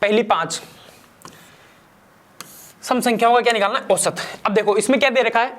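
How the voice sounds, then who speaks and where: A man's voice: very high-pitched, moderate pace. A man coaching exam candidates, walking through math questions step by step, asking and answering his own questions in a casual, repetitive classroom manner. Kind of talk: step-by-step math problem walkthrough.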